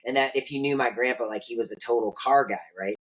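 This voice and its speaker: A man of ordinary pitch hosts a podcast and tells a story in a casual way. He is animated and acts out the lines he quotes. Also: quick pace. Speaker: podcast host.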